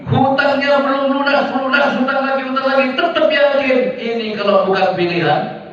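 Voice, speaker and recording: A man's voice: extremely high pitch, moderate pace, a bit bright, slight background noise. A male preacher delivering a sermon to a congregation, asking again and again whether they agree. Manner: rhetorical call-and-response, asking the crowd to agree. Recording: echoey hall, distant mic, dull sound.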